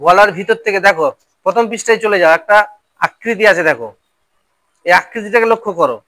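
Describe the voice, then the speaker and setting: A man's voice: high voice, animated, a little fast, pushed and bright, dry recording. A male Quran reading teacher drilling Arabic letter sounds and quizzing pupils in a classroom lesson.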